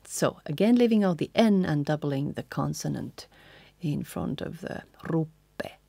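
A woman's voice: deep voice, lively intonation, gravelly, mellow, breathy edge, dry recording. A woman with a Finnish accent teaching pronunciation, modelling each phrase and asking the listener to repeat it together. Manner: models lines slowly, then has the listener repeat together. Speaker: singing teacher. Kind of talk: pronunciation lesson.

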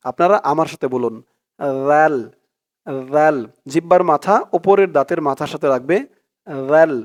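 High smooth-voiced man teaching Quran recitation. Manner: recites verses slowly and melodically, then explains rules quickly and quietly.

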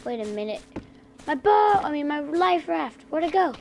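A woman streaming a survival game, chatting casually to herself with excitable reactions and mild cursing. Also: high voice, a little fast, vocal fry. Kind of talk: casual gameplay commentary.

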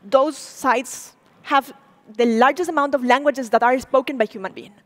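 Her pitch high and her speed normal, a Spanish-native woman in her forties lectures animatedly to the public as a program director, engaging listeners with questions. The recording comes from a walking speaker's stage mic on a large auditorium stage, full of long hall reverb.

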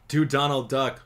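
A man's voice: medium pitch, a bit bright. A man in his thirties hosting a video game livestream, chatting casually and animatedly with his viewers. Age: 30s. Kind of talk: casual gaming livestream commentary. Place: indoor streaming setup.

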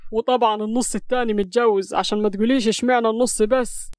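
A woman's voice: on the high side, fairly even intonation, fast, a little mellow, dry recording, clean studio sound, natural voice. A woman voicing a teasing young husband, speaking with an Upper Egyptian accent in mock-cool banter. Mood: warm, teasing. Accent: Upper Egyptian Arabic. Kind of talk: audio story reading.

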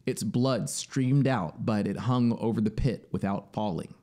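Warm and on the low side, the voice of a thirtysomething narrator and musician draws out key words as he reads a literary story with deliberate drama. He records in a small home studio indoors on a close, boom-mounted studio mic, over a backdrop of synthesizer soundscape music.

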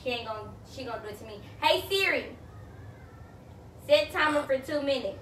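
Young woman vlogging, loud playful banter, echoey room, kinda far from the phone. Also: sits high, lively intonation, fairly quick, a little hiss or hum. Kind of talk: casual challenge vlog.

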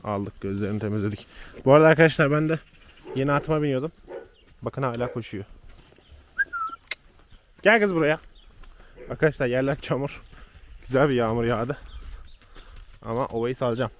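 A man talking casually to viewers in an outdoor horse paddock, hushing his horse gently and sometimes calling out loudly. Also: mid-range voice, fast, long pauses, noisy background. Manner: chatty, speaks softly and shushes to calm his horse, sometimes calls out loudly. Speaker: horse owner vlogger. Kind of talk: casual vlog talk to viewers.

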